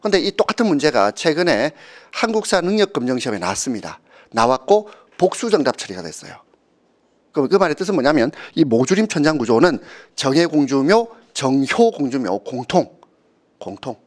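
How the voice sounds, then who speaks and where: A man's voice: fairly high pitch, big pitch swings, moderate pace. A man, giving an exam-prep history lecture, often checking with students through short tag questions and telling anecdotes. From Gyeongsang region of Korea. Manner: tells anecdotes and acts out quoted speakers.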